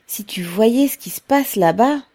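Excited out-of-breath young worker, woman doing him, higher and louder than her narration. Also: a little slow. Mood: agitated. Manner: agitated, urgent.

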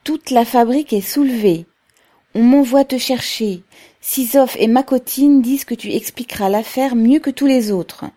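A woman reading aloud, voicing an excited, breathless young male worker bringing urgent news. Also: fairly high pitch, moderate pace, voice pushed up, close to an everyday voice. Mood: agitated. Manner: agitated, urgent.

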